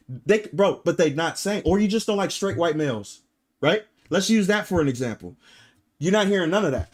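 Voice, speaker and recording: A man streaming live, talking bluntly and emphatically to his chat, peppering his points with profanity and rhetorical "right?" tags. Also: on the high side. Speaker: streamer reacting and reading chat. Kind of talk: casual livestream rant.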